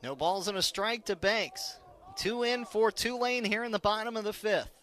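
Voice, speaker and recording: This is live radio sports commentary: a man calling baseball play-by-play in clipped, descriptive phrases. His voice sits high and sounds pushed and bright, moving at a moderate pace.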